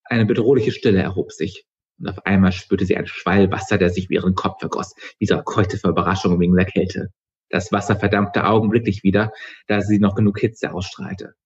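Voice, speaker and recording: Author guy reading his book, kinda low voice, even pace, muffled sound. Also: brisk, breathy edge.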